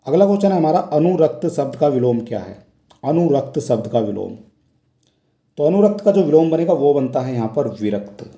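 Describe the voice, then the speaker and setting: Male Hindi tutor, very dark mellow voice, roomy echo, patient step-by-step exam walkthrough. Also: on the high side, very animated, normal speed. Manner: explains step by step, repeats each question aloud. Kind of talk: exam question walkthrough lesson. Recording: echoey room.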